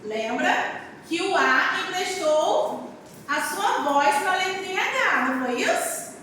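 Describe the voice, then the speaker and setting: High-voiced, lively woman teacher. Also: slow pace, slight background noise. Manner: animated, sing-song, speaking to young children. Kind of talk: children's lesson. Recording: very echoey room, far from the mic.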